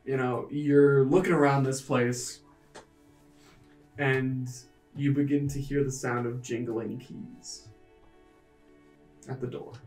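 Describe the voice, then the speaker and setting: A man narrating a tabletop game as game master, in a measured, descriptive storytelling manner. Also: mid-range voice, level tone, a little mellow, distant mic, soft background music. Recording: roomy, mic set back.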